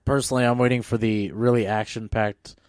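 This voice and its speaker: A man's voice: on the low side, flat delivery, fairly quick, dry recording, studio quality. A man co-hosting a movie podcast, chatting casually in a laid-back way. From Dakotas, United States. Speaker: podcast co-host. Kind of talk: casual chat.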